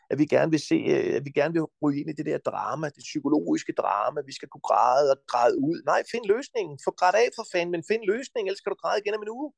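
A Danish man talking as a podcast guest, giving forceful advice bluntly and insistently, with frequent swearing. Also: fairly high pitch, vocal fry, no room sound.

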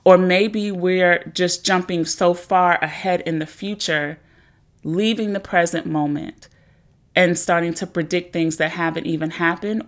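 Earnest woman, slightly low voice. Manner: earnest, conversational, acts out inner voices. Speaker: podcast host. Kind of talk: casual self-help talk.

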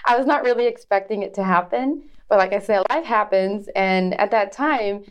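Speaking at a moderate pace in a medium pitch, this Arizona woman in her thirties recounts her life as an interview guest. She chats freely, laughing a lot and starting phrases over.

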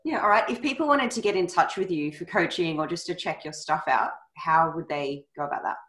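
A woman co-hosting a podcast, easygoing and quick to laugh along. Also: lowish voice, a bit bright. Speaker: podcast co-host. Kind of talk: casual podcast chat. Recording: echoey room.

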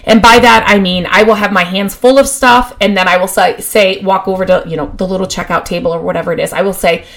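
A woman's voice: mid-range voice, fast, gravelly, few pauses. Chatty woman giving practical tips. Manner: chatty, practical, with many fillers and restarts; gets excited about her topic. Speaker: podcast host. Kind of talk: casual advice talk.

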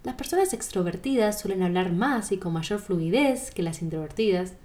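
Calm Rioplatense woman singing teacher. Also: mid-range voice, normal speed. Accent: Rioplatense Spanish. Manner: calm, explanatory, speaks straight to the listener. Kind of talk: podcast monologue.

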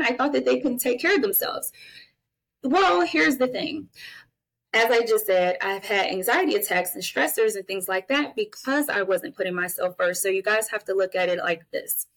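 A woman in her late thirties, a mental health advocate and guardian, appears as a podcast guest in a conversational interview, sharing personal testimony and giving candid, emphatic advice straight to listeners. Her fairly high, bright voice is animated and paced normally, in a low-quality recording.

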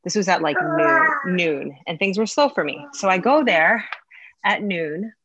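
A woman's voice: mid-range voice, very animated, unhurried, muffled recording, noisy background. A woman in her thirties, a doctor, telling a frustrating story in a rambling, exasperated way with many restarts. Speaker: coaching client, physician. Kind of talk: emotional casual storytelling.

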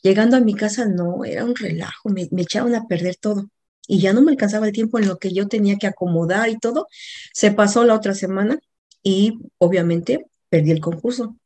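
Mexican woman, middle-aged coach, telling her own story, warm mellow voice, fixes her slips as she goes. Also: medium pitch, a little fast. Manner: lively anecdotal telling with self-corrections. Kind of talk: personal storytelling.

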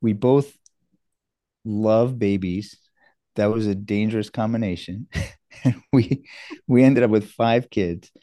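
A man's voice: fairly low pitch, slow pace, long pauses, mellow, no echo, studio quality. A middle-aged man from New York, a guest surgeon telling his story in a casual interview, earnest and self-deprecating. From New York, USA.

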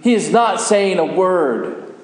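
A man's voice: high voice, lively intonation. A man performing a first-person dramatic monologue as a humble, repentant crucified criminal, earnest and short of breath. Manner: earnest, slow and deliberate. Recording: echoey hall with long reverb.

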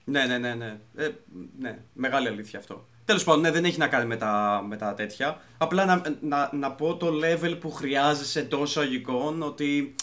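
Man, mid-range voice, halting casual podcast chat, restarts a lot. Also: mid-range voice, a bit bright. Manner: halting, restarts words, mixes in English terms. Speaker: podcast co-host.

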